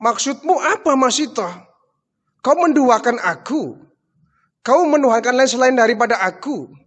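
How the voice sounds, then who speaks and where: A man voicing an arrogant, furious ancient king who shouts threats, in a preached story. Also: very high voice, normal speed, voice pushed up, exaggerated voice. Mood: interrogating. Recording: long hall reverb.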